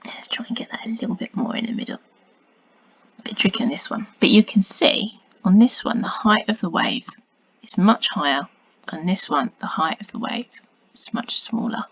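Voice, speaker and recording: A woman teaching through a recorded video lesson, patient and explanatory, dropping into quiet muttered asides as she draws on diagrams. Her voice sits at an ordinary pitch for a woman. The recording is dry, dull and a little lo-fi. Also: expressive, normal speed, breathy edge, no echo, in a whisper. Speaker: science teacher.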